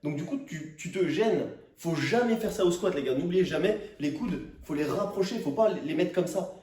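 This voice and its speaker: A man's voice: fairly high pitch, lively intonation, normal speed, a little mellow. A young man venting casually to camera in slang, exasperated and ranting, with swearing. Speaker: fitness vlogger. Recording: roomy echo, distant microphone.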